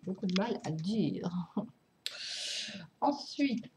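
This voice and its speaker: In a casual vlog with background noise, a woman walks through her record collection in a slow, mid-range voice with vocal fry. She is hesitant, full of fillers and apologies, but excited and quick to laugh, drifting toward and away from the camera mic.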